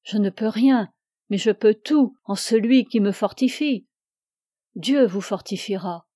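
A man's voice: high voice, a little slow, warm tone, no echo, studio quality. A woman reading the part of an aging ascetic priest who preaches with solemn fervor. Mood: fervent. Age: older. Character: aging ascetic male priest, imperious and pleading.

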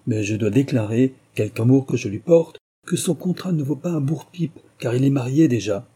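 A man reading an audiobook and voicing a loud, sly male rogue who talks in raised, emphatic bursts. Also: mid-range voice, expressive, brisk, husky. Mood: loud, insistent.

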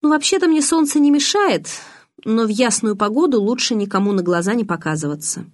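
A woman's voice: a little high, animated, a little fast, darkish tone, voice pushed up, lightly acted. Brooding young man, as a woman reads him. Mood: restrained.

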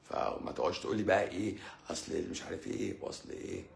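Low-voiced Egyptian man lecturing viewers. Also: fast, vocal fry, echoey room. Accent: Egyptian Arabic. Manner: lecturing, teasing, blunt. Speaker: doctor hosting a live stream. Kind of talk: live stream answering viewer questions.

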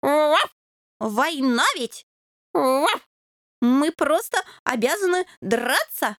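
Woman doing a high, pompous puppy knight. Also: animated, slow, dry recording, studio quality, full character voice. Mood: fierce. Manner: high-pitched, peppers speech with "oh"; pompous, chivalrous. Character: eager young male fox terrier puppy, would-be knight.

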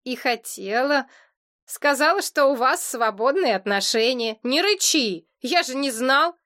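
A woman's voice: sits high, animated, measured pace, fairly bright tone, pitched above the performer's own voice. A woman doing a naive young demon. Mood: sheepish. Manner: eager, sheepish. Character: naive cheerful young male demon, lovestruck. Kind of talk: audiobook character reading.

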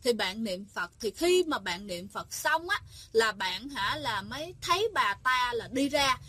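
A woman's voice: fairly high pitch, big pitch swings, measured pace, pushed and bright, slightly rough. A woman, telling a ghost story in a chatty, casual way and speaking directly to her listeners.

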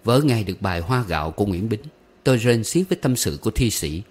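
A man narrating a short story as an audiobook, wistful and gently humorous, slipping into recited verse. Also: on the low side, expressive, fast talker, slightly rough.

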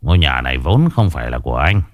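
A stern older village elder from a ghost story delivers grave warnings at a measured pace, voiced by a man. The voice sits noticeably lower and heavier than the narration. It is recorded close and dry. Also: big pitch swings, dry recording, muffled recording. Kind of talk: storybook ghost tale voice acting.

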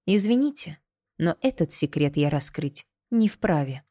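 A woman's voice: sits low, expressive, a little slow, dark tone, no room sound, clean studio sound. A woman voicing a weakened but defiant young woman held captive in an audiobook. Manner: strained, defiant.

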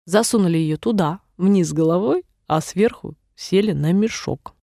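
A woman narrating a children's storybook in a measured, explanatory reading. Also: lowish voice, creaky, dark tone, no echo, clean studio sound. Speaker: audiobook narrator.

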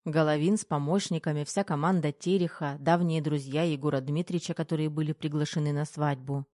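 An audiobook narrator with a mellow, warm tone reads a novel evenly and without hurry. The voice sits close and dry, with no room around it. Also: mid-range voice, steady tone, a little fast, no echo. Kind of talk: scripted narration.

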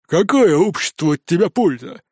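A man voicing a greedy, rude young gang member in an audiobook, talking in a gruff, grumbling way. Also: on the high side, lively intonation, moderate pace, a little mellow, no echo, studio quality. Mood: grumpy.

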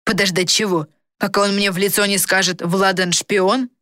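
A woman voicing a gruff hot-tempered young captain. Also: mid-range voice, fairly even intonation, moderate pace, fairly bright tone, no echo, studio quality, lightly acted. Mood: impatient. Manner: gruff, curt, impatient.

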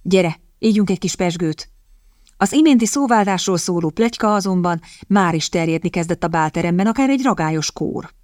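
A woman narrating an audiobook in a calm, even reading manner, recorded close to a studio mic. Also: on the low side, dry recording. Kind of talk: scripted narration.

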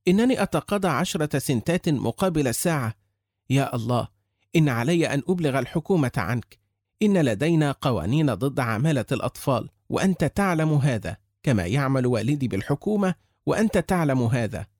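A man's voice: medium pitch, animated, fairly quick, darkish tone, no room sound, close to an everyday voice. A man voicing an indignant nine-year-old boy who pleads and accuses, close to tears, in an audiobook. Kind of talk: audiobook character reading.

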